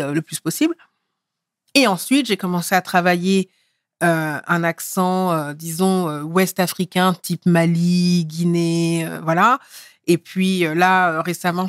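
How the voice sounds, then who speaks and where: Middle-aged woman from france, actress chatting in an interview, lively and emphatic, dry close sound. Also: fairly low pitch, dry recording. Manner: animated, emphatic storytelling. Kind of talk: casual interview talk.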